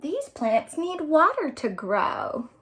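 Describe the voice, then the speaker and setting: Reading and singing for young children, a librarian leading storytime exaggerates every line. She speaks slowly in a high, somewhat bright voice with huge swings in pitch.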